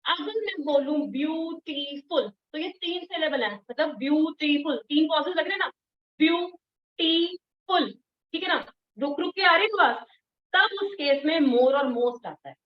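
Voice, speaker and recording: A woman teaching English grammar in an online class, patient, repeating and drilling words slowly. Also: sits high, echoey room, distant mic, muffled recording. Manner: firm when scolding students.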